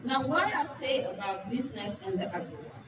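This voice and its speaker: With a fairly high, sing-song voice at a moderate pace, a woman whose first language is Wolof gives a business presentation to an audience in a meeting room. She's frank and earnest, asking the room questions, and the mic is distant in an echoey, noisy space.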